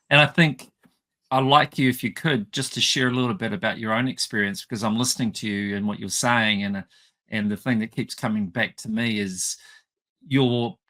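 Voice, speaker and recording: A man hosting an interview, gently encouraging his guest with brief acknowledgments and soft questions. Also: medium pitch. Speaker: interviewer, host.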